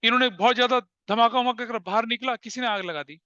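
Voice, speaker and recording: A man with a very high, bright voice lectures a class, switching between Hindi and English. He tells lively anecdotes and laughs at them. The sound is dry and a little dull, like a lo-fi classroom recording. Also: quick pace, dry recording. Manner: lively storyteller, laughs at his own anecdotes. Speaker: commerce teacher.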